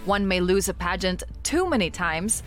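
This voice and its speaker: A woman narrating a scripted news feature segment in a polished, measured storytelling delivery. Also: on the low side, lively intonation, a bit bright. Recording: music bed underneath.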